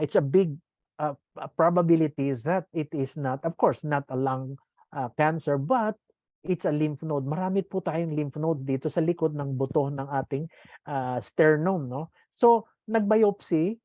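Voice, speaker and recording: An older man with a Filipino accent, a doctor telling a patient story in a measured way, often checking in with tag questions. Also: fairly high pitch, mellow, no room sound. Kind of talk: storytelling health talk.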